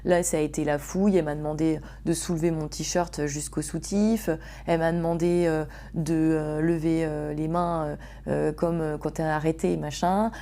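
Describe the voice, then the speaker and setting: A woman hosting a casual storytelling podcast, slangy, swearing and animated as she talks to her listeners. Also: low voice, normal speed. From France. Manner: slangy and swearing, addresses listeners as "les gars". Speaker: podcast host.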